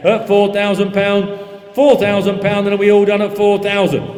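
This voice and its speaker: A man working as an auctioneer, calling live bids in a rapid, repetitive patter. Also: high voice, completely flat delivery, a little mellow. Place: large reverberant auction room. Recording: echoey hall PA, music behind.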